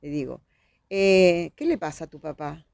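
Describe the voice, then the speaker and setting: Gravelly Uruguayan woman telling a story. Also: low voice, sing-song, quick pace, warm tone, no room sound. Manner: vivid retelling, acting out quoted dialogue. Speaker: guest. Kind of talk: storytelling in conversation.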